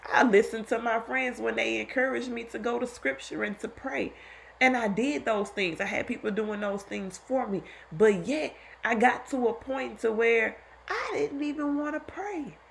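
A woman's voice: fairly high pitch, vocal fry. A woman giving earnest devotional Bible teaching, encouraging her listeners and repeating her key points.

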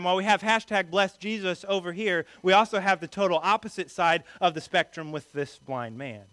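Lively, joking male preacher with a dry sound. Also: on the high side, clear, resonant tone, no room sound. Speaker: pastor. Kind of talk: sermon.

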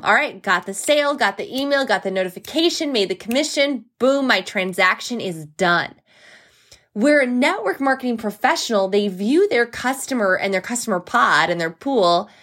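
A woman hosting a solo podcast, talking in an energetic, emphatic coaching manner with what she calls a whiny voice. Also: mid-range voice. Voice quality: self-described crazy whiny voice. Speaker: podcast host.

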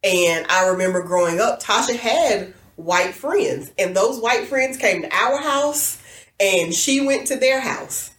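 A woman co-hosting a podcast in casual chat, thoughtful and quick to laugh, with many fillers. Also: mid-range voice, lively intonation, a bit bright, echoey room. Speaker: podcast co-host.

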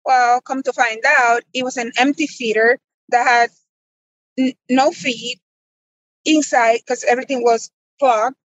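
A woman in her thirties from the Dominican Republic answers interview questions conversationally as a farmer guest. Her voice is a little high with fairly even intonation, and she speaks unhurriedly on a lo-fi recording.

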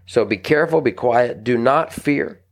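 On a podcast, an adult married pastor teaches scripture in a medium-pitched voice at a moderate pace. He comes across as earnest and chatty, frequently starting over and dropping in "you know."

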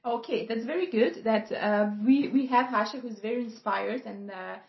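A woman's voice: a little high, moderate pace, creaky. A woman hosting a podcast as a vocal coach, asking long, rambling questions with encouraging asides. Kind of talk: casual podcast interviewing. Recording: roomy, slightly dull podcast audio.

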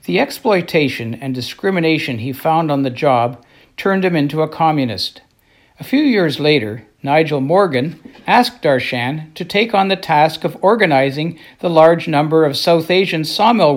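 Man, scripted documentary narration, slightly high-pitched voice. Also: expressive, moderate pace.

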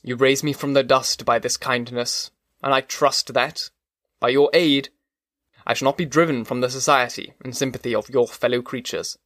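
A man's voice: mid-range voice, fairly even intonation, normal speed, a bit bright, no room sound, close to an everyday voice. Outcast creature, fervent and pleading , as a man reads him, dry close sound. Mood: grateful. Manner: pleading, fervent old-fashioned speech. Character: lonely, pleading male creature, desperate for kindness.

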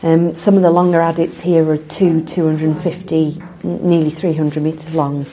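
Mellow-voiced woman explaining as a field expert. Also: sits low, flat delivery, moderate pace. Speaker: bat surveyor, expert guide. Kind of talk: explanatory interview answers. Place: inside a mine tunnel.

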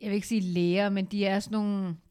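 A woman's voice: mid-range voice, flat delivery, mellow, clear, resonant tone. A young woman hosting a casual podcast chat with her mother, asking questions and laughing easily. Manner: laughing, asks questions, mixes languages. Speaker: podcast host.

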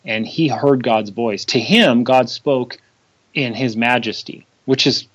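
A man's voice: mid-range voice, takes it slowly, a bit bright. A man talking earnestly about faith in a casual chat, quoting scripture at length. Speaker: co-host. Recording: slightly dull lo-fi sound.

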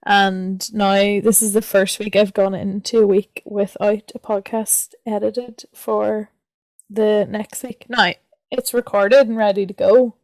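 A woman's voice: mid-range voice, level tone, a little slow, a little mellow, no echo. A woman with an Irish accent hosting a podcast in informal, loosely phrased casual chat. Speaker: podcast host.

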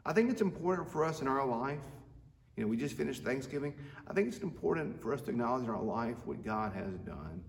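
A man's voice: mid-range voice, big pitch swings, brisk, gravelly. Male pastor, reflective and earnest, cathedral echo around a distant mic. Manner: earnest, reflective, with frequent restarts. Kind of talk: filmed devotional reflection. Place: inside a church sanctuary. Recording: echoey sanctuary, mic far off.

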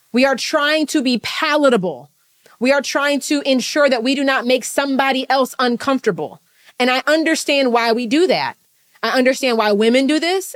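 A woman business coach giving an impassioned, repetitive motivational talk, swearing freely. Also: sits high.

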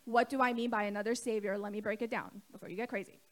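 A woman's voice: medium pitch, fairly even intonation, fast. A woman pastor preaching a sermon in a conversational way, asking her congregation questions and talking to them directly. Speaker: co-lead pastor.

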